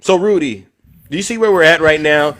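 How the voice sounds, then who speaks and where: A man hosting a live online debate stream, shouting out to viewers and moderating callers. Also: fairly high pitch, brisk. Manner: hypes the chat, loud shout-outs.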